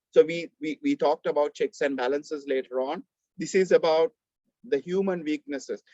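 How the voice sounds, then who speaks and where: A man with a Sri Lankan accent lecturing an online class, explaining a text in a halting, emphatic way, rephrasing and repeating as he goes, over a video call. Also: fairly high pitch, darkish tone, no room sound. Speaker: university lecturer. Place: online video call, close dry sound. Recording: slightly dull video call audio.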